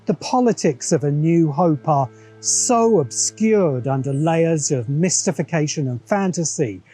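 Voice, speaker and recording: A man with a fairly high, expressive, mellow voice and a breathy edge speaks unhurriedly over background music. Hosting a science fiction commentary show, he delivers a scripted video essay in an opinionated, dryly sardonic manner.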